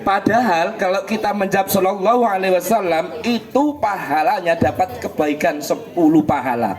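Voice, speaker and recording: A man, a puppeteer gently teaching children in a live puppet show. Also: high-pitched, moderate pace. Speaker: puppeteer and storyteller. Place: indoor gathering with many children. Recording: noisy children's crowd behind.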